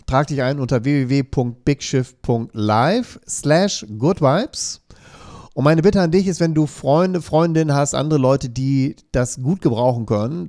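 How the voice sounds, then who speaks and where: Hosting a live coaching show, a man with a mid-range, slightly mellow voice reads viewer comments aloud earnestly. He keeps tacking on a questioning "ja?" to check in.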